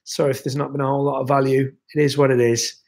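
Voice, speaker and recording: This young livestream host has a medium-pitched voice and talks fast. Loose and chatty, he reads viewer comments aloud and wanders between topics with many fillers, his voice a bit worn after being ill.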